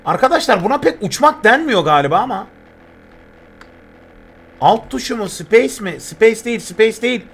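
A young man streaming a survival game live, chatting with viewers and yelping in excitable bursts of panic as he plays. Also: sits high, moderate pace, long pauses, breathy edge. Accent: Turkish. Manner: excitable, yelps and repeats words when panicking. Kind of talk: live gameplay commentary.

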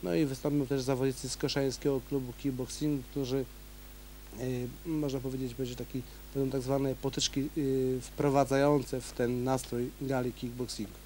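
A man, a kickboxing coach and organizer, answering questions in a local TV interview, pausing often with fillers. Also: mid-range voice, flat delivery, darkish tone, a little hiss or hum, low-quality recording. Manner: hesitant, many fillers.

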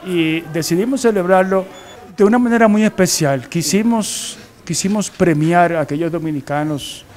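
An older man, an ambassador, speaking politely and haltingly in an interview indoors. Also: high voice, darkish tone. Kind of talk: casual interview.

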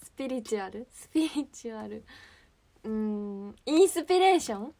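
A woman's voice: a little high, expressive, moderate pace, mellow. A young woman with a Kansai accent chatting casually on a livestream, rambling and often searching for words. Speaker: idol livestream host.

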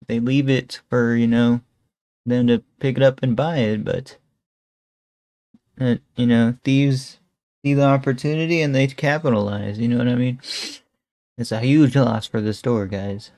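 Talking into a headset with webcam framing, a young man rambles through a casual stream reaction at home, tossing in "bro" and "guys" a lot. His mid-range voice is fairly even and dark in tone, a little slow with frequent pauses, and there's no room sound.

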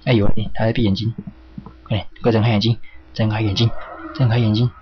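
Streaming a horror game for let's play commentary, a young man jumps, yelps and swears at what's on screen. His voice is fairly low with little pitch movement, and he speaks briskly. The recording comes from a slightly dull lo-fi home mic carrying faint hiss.

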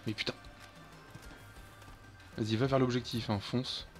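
A man's voice: mid-range voice, level tone, measured pace, soft background music. A man streaming a co-op game, chatting casually and swearing when things go wrong. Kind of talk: casual gaming chat.

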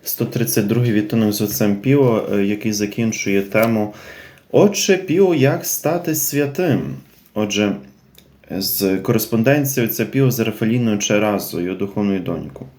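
A man's voice: lowish voice, steady tone, a little fast, a little mellow. Hesitant spiritual talk from a man. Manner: unscripted, hesitant, many fillers, repeats phrases, asks "right?". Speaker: religious speaker presenting a series on a saint. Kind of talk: spiritual talk with a devotional greeting.

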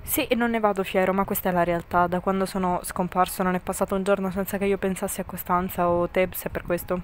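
A woman's voice: on the low side, flat delivery, quick pace, slight background noise, lightly acted. Woman voicing a brooding, remorseful young man. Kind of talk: amateur fan voice-over of a story game.

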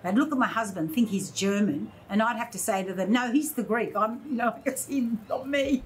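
The recording is low quality with a little hiss or hum. A woman in her sixties with an Australian accent, on the high side in pitch and speaking at a moderate pace, sits by large windows indoors reminiscing in a casual interview, animatedly acting out quoted voices.

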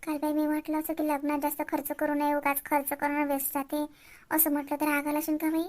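Woman voicing a shrill bossy elder sister. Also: monotone, fast talker, a little mellow, natural voice. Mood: fretting. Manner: scolding, fretful muttering. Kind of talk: village cartoon comedy.

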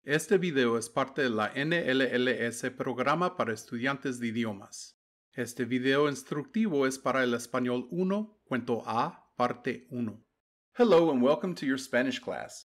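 A man teaching a beginners' language class, giving clear, patient step-by-step directions in a scripted voice-over. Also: medium pitch, normal speed. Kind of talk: scripted instructional narration.

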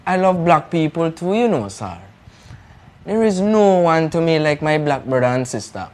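Local actor doing a Jamaican trickster waiter, sing-song, pitched up, smooth ladies' man. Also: sing-song, normal speed, a little mellow. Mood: ingratiating. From Saint Croix.

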